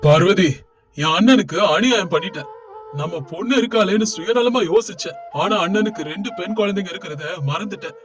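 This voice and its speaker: A middle-aged father in an animated cartoon, performed by a man. His voice runs rather high for a man and he speaks earnestly. A faint music bed sits behind. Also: fairly quick, lightly acted. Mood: remorseful. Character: remorseful middle-aged father, proud and then contrite.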